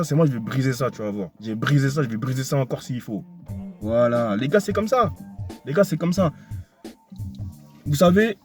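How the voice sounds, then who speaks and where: Young man, casual advice monologue, slangy, repetitive, faint music behind. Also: a little high. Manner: slangy, repetitive, addresses listener directly. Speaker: dating advice talker.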